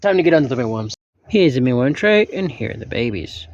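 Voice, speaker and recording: Filming himself on a handheld phone, a man who vlogs about homesteading narrates his day in a chatty, self-mocking way. He talks fast at a medium pitch with big swings up and down. The sound is lo-fi and the background noisy.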